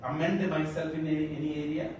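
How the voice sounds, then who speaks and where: A man's voice: a little high, steady tone, fast talker. Malayalam-accented male trainer in an echoey room. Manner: rhetorical questions, checking that listeners follow. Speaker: corporate trainer leading a discussion session. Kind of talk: interactive training talk to an audience. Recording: echoey room, distant mic, loud background noise.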